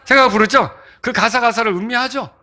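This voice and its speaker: A man preaching to his congregation about how hymns should be sung, stopping often to quiz his listeners and sound out beats himself. His voice sits high and carries a bright, ringing edge. He explains like a patient teacher at the pulpit. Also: fast. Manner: interactive, asks congregation to clap and answer; sings out beats to demonstrate rhythm. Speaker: pastor. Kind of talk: sermon teaching on hymn rhythm.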